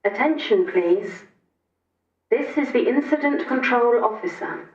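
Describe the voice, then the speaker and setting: A woman as incident control officer, giving a slow, measured emergency announcement heard over a public address loudspeaker. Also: a little high, lively intonation. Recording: distant muffled loudspeaker in an echoey courtroom.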